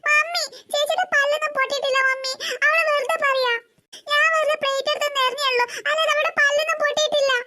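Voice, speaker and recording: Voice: very high-pitched, little pitch movement, fast talker, sharp tone, full character voice. A performer voicing a younger sister in a cartoon, a little girl who pleads and tattles to her mother. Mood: tattling. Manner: pleading, wheedling.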